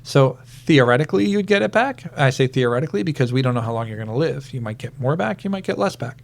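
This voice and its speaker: A man co-hosting a retirement planning show, explaining rules step by step with worked examples in a steady, methodical way. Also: mid-range voice, fast talker, creaky. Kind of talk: explanatory podcast talk.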